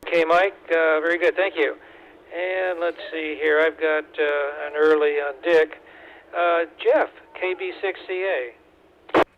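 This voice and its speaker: A man's voice: a little high, fairly even intonation, takes it slowly. A man running an amateur radio net roll call, talking unhurriedly with many fillers, heard over a two-way radio. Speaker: net control station operator. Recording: tinny radio with faint static.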